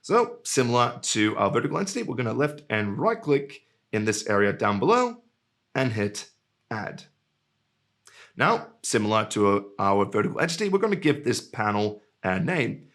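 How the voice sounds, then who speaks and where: A man walking through a screen-recorded software tutorial in a relaxed, jokey way. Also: medium pitch, moderate pace. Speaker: software trainer.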